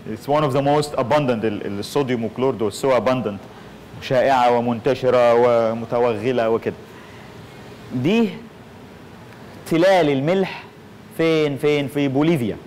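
A man's voice: mid-range voice, moderate pace, pauses often, a little mellow, a little hiss or hum, poor audio. A man with an Egyptian Arabic accent giving an informal lecture, playful and punning, slipping English phrases into his talk.

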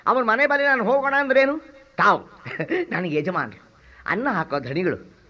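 An actor playing a cheeky comic servant who rattles off insults and mocks others in stage comedy style. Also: male voice, extremely high pitch, big pitch swings, exaggerated voice. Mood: mocking. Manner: rapid strings of abusive insults, mocking mimicry. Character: cheeky comic male servant, loud and mocking. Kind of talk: stage comedy drama acting. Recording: dull lo-fi drama recording.

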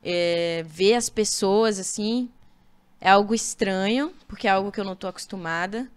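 A young woman from Brazil, a singer, chatting as a guest in a relaxed podcast interview, animated and full of fillers. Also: medium pitch, normal speed, clean tone. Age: young adult. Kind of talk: casual interview chat.

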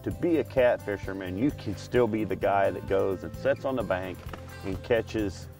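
A man who fishes catfish tournaments, talking in a relaxed, plain-spoken way on an open boat. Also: sits low, moderate pace, gravelly, faint music behind. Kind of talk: casual fishing show talk.

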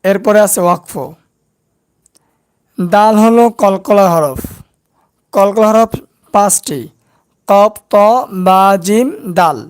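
A man teaching Quran recitation step by step, slowly drilling syllables and asking and answering his own questions. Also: high-pitched, a little mellow, clean tone.

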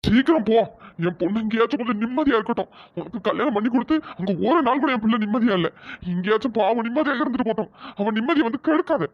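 A man voicing an angry older father in a cartoon, gruff and scolding as he threatens his son-in-law. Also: very high voice, animated, fast, full character voice. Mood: furious. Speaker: father of the wife. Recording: dull, dry lo-fi audio.

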